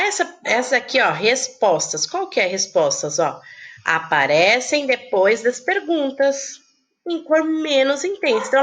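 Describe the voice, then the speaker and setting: A woman teaching a recorded lesson to young children, explaining slowly and posing questions she answers herself, with affectionate terms of address. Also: a little high, fairly bright tone. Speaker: primary school teacher.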